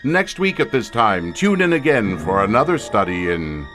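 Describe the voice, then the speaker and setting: A man announcing a radio drama in a scripted, dramatic and deliberate delivery. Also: lowish voice, big pitch swings, fairly bright tone, soft background music.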